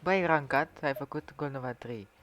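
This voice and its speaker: A man chatting casually while livestreaming a shooter game, swearing loosely and shouting quick callouts. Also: medium pitch, dry recording. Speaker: livestreaming gamer. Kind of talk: casual chat while gaming.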